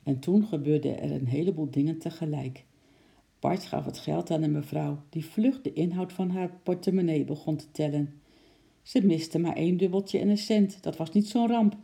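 Low, gravelly woman reading a story. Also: normal speed, warm tone. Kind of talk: reading a children's story aloud.

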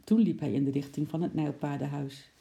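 A storyteller reads a children's book aloud in a calm, even manner. The voice is notably gravelly. Its timbre is very dark and mellow. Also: mid-range voice, brisk.

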